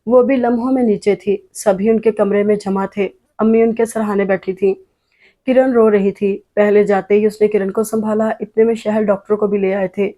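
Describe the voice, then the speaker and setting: A woman reading a romance novel aloud as narrator, in a measured, even way. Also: medium pitch. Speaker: audiobook narrator.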